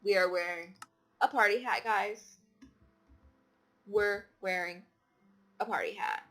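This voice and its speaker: A woman's voice: medium pitch, fairly even intonation, slow, fairly bright tone, faint music behind. A tired woman casually commenting on her game play, rambling with many fillers and restarts. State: tired, yawning. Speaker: gaming channel host.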